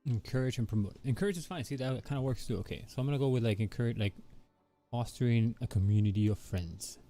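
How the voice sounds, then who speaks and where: Man, relaxed rambling streamer, dark mellow tone, lots of "like" and "you know". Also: medium pitch, quick pace. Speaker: livestreaming artist. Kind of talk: casual chat while drawing live. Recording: soft background music.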